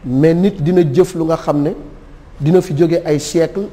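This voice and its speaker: A middle-aged man, a guest on a TV talk show, speaking in a measured, solemn way and mixing French with Wolof. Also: a little high, steady tone, dark tone, big-room sound. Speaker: studio guest. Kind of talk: formal tribute speech. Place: TV studio set.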